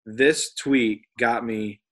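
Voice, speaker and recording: A man's voice: medium pitch, steady tone, extremely slow, fairly bright tone. A man hosting a casual sports podcast, steering topics and asking his co-hosts questions. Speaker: podcast host.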